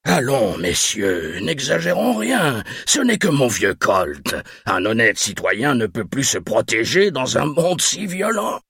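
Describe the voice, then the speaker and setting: A man voicing a grumpy, cold old male intruder who mutters gruffly and stays unbothered under threat. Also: mid-range voice, very animated, unhurried, fairly bright tone, dry recording, studio quality, heavily acted. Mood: dismissive.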